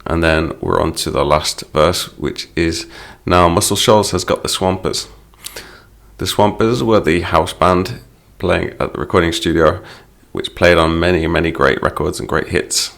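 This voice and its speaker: Male English teacher, low gravelly voice, patient explainer, walks through song lyrics. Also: fairly even intonation, moderate pace, hardly any pauses, fairly bright tone.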